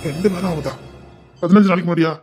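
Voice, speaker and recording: An actor with a Tirunelveli Tamil accent playing a desperate young man who pleads with his lover, swinging from hushed pleas to shouting. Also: high-pitched, fast, music in the background, natural voice. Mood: hushed pleading. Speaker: actor in a romance drama. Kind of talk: emotional drama acting.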